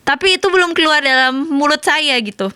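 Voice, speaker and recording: A woman pastor in her thirties sharing a personal testimony in a sermon, telling it in a lively, chatty way. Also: high-pitched, fairly quick, dry recording. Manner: storytelling with lively colloquial asides.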